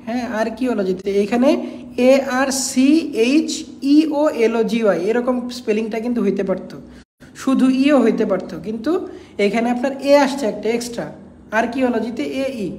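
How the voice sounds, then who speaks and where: A woman with a somewhat high voice teaches an exam-prep English class. She spells each word out letter by letter and repeats the main points for her students. The room around her sounds echoey and roomy. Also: moderate pace, warm tone.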